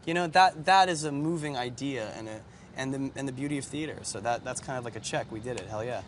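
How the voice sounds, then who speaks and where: A man's voice: mid-range voice, fast, a little hiss or hum. Playful man chatting outdoors. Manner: playful, rambling, self-mocking. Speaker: actor and interview guest. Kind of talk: casual chat.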